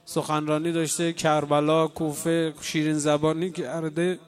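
Man voicing a cruel tyrant king, subdued questioning, fairly high, level tone. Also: flat delivery, close to an everyday voice.

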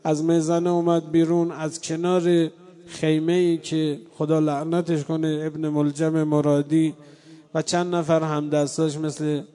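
A man preaching a mourning sermon to a live gathering indoors. He moves between soft storytelling and loud, drawn-out chanted lament. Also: a little high, flat delivery. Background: live congregation.

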